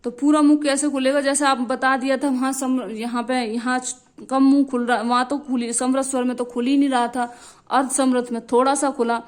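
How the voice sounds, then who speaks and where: A woman's voice: high voice, little pitch movement, moderate pace. A young woman teaching a lesson, repeating key phrases and checking in often with her students. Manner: repetitive, drilling phrases, frequent checks like "theek hai".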